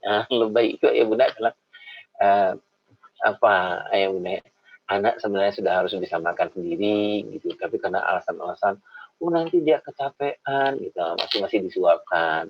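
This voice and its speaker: A middle-aged man with a gravelly, husky voice talks to parents in a relaxed, conversational way. He swings his tone up and down, slipping into short impressions of children and parents. The recording sounds dull and lo-fi. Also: low voice, brisk. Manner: lively, acts out child and parent voices, addresses mothers often. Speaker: parenting speaker. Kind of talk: informal talk to parents.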